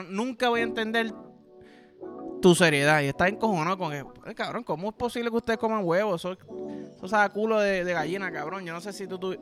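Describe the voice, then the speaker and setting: A man's voice: sits high, fairly bright tone. A young Puerto Rican man hosting a podcast, telling a rambling, profane comic story in a casual monologue. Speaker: podcast host.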